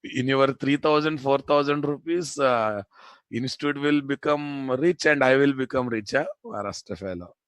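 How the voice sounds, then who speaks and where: A man's voice: medium pitch, normal speed, fairly bright tone, dry recording. A man with a Telugu Indian accent teaching a live programming class, informally bantering with students and repeating phrases and questions for emphasis. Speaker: programming instructor.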